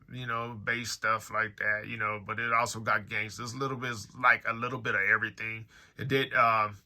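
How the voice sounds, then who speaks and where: His mid-range voice sounds pushed and bright as this American collector and online store owner hosts an unboxing, rambling conversationally and using plenty of slang with viewers. There's noticeable background noise, with clicks.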